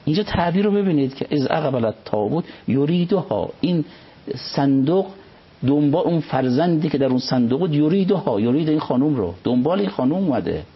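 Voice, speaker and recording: A man, a religious scholar, reciting Arabic passages and explaining them in an unhurried conversational commentary. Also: on the high side, animated, husky. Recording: dull lo-fi recording.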